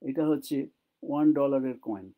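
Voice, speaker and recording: A man whose first language is Bengali, teaching English in a casual lesson, explaining slowly and repeating English phrases for pronunciation. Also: medium pitch, narrow, tinny audio. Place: living in the United States.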